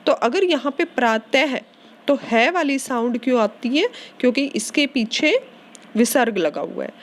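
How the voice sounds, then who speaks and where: A woman's voice: high voice, lively intonation, moderate pace. A woman teacher giving a patient grammar lesson to schoolchildren, repeating words and checking in often.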